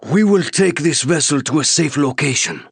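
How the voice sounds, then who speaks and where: A man voicing Kor, a towering alien warrior leader, loud and accented. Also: on the high side, lively intonation, moderate pace, vocal fry, breathy edge, dry recording, studio quality, pitched above the performer's own voice, full character voice. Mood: commanding. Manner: grave, accented, clipped and formal. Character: hulking alien male warrior leader, menacing and commanding. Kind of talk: audiobook character voice.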